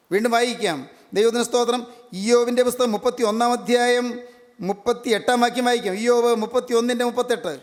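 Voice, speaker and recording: An older man preaching a sermon, emphatic and repetitive, slowing down to stress key words. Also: extremely high pitch. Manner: emphatic, repeats each verse phrase, slows on key words. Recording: long hall reverb.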